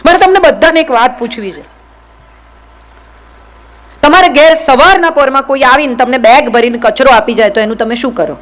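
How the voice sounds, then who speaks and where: A woman's voice: high-pitched, moderate pace, long pauses, a bit bright, rough recording. A woman giving a motivational speech to an audience, speaking directly and firing questions at the listeners. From Gujarat, India.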